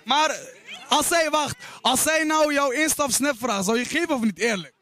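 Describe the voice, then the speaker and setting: A man's voice: very high voice, moderate pace, bright, forceful tone, a faint crowd. A man doing a casual street interview in Moroccan-Dutch street slang, pushy and insistent.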